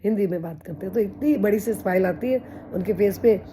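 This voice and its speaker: Mellow-voiced woman giving chatty advice. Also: mid-range voice, fairly quick, a little hiss or hum. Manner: earnest, chatty, mixes English phrases into speech. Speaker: vlogger. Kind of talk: casual motivational talk to camera.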